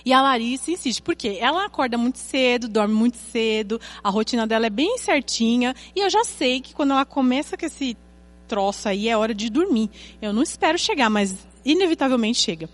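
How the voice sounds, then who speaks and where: Uma pregadora de uns trinta anos, com voz um pouco aguda, fala num encontro de mulheres. Ela alterna casos de família bem-humorados e animados com uma leitura pausada da Bíblia, com subidas fortes de tom. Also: female voice. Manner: animated, humorous storytelling with sudden swings in pitch. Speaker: preacher at a women's gathering. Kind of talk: sermon with personal anecdotes and scripture reading.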